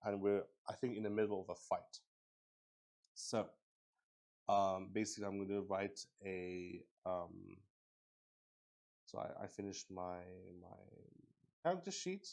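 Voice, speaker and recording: On stream, a man plays a solo roleplaying game and explains it as he goes, thinking aloud, pausing and groping for words. His voice is deep and gravelly with a slightly mellow quality.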